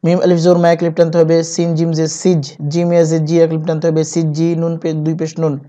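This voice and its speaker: Flat-voiced man drilling Quran syllables. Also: fairly high pitch. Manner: spells out syllables in a steady teaching drone; chants verses slowly and drawn out. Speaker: Quran reading teacher. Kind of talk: step-by-step recitation lesson. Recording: dull lo-fi recording.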